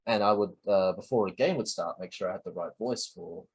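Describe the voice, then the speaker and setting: A man's voice: sits low, a little fast, slight background noise, poor audio. A man hosting a casual solo podcast, talking hesitantly with many fillers and restarts. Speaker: podcast host.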